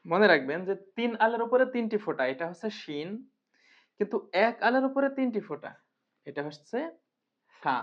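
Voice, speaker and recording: A woman's voice: medium pitch, sing-song, normal speed, long pauses. A woman teaching Quran reading in a recorded lesson, patiently repeating and drilling each sound. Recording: muffled lo-fi recording.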